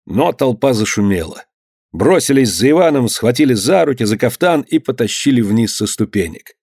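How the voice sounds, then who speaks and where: Male narrator, expressive, lively pitch, dry close sound, for historical audiobook. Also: moderate pace, breathy edge, no room sound. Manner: expressive storytelling. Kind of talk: dramatic audiobook reading of a historical novel.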